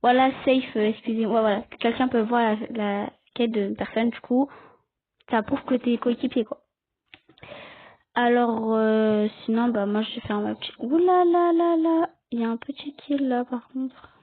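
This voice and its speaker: A woman's voice: steady tone, moderate pace. A woman giving casual commentary while playing a game online, chatting, explaining the rules and arguing with other players. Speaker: gaming video creator. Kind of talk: casual Let's Play commentary. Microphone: cheap headset or desk mic. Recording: tinny low-quality mic.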